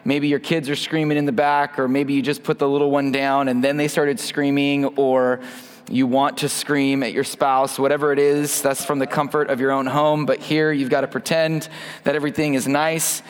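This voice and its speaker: Preaching in a church hall with a mic clipped on, a man in his thirties gives a relaxed sermon and prayer, poking fun at himself and frequently starting sentences over. His mid-range voice is smooth and fairly flat in pitch, at a moderate pace, with a big-room sound.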